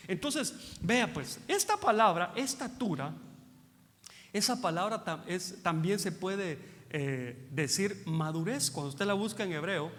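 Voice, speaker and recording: A man's voice: sits high, a bit bright, long reverb tail. A man preaching a conversational sermon, folksy and joking, asking the congregation rhetorical questions and calling them brother. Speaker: pastor. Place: church hall.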